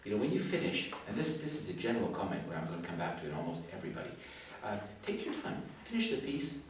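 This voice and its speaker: Quick and low-pitched with big pitch swings, an older man's Suffolk English, tinged by his early years in Canada, fills a school music hall as he adjudicates a competition. His feedback to performers is chatty and digressive, sprinkled with self-deprecating asides. A distant mic in a very echoey space adds a little hiss or hum.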